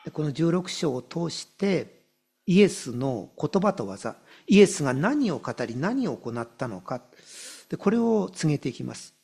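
A male pastor preaches a sermon in a gravelly, husky voice that is a little high for a man, sing-song and slightly mellow. His pitch swings widely as he reads and explains scripture, and he repeats key phrases and slows way down on the important words.

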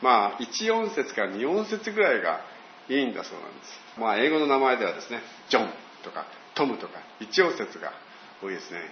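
The clip, recorded in a dull, roomy space with a faint hiss, features an older pastor. He delivers his Bible talk slowly and in a storytelling manner, with a lively pitch.

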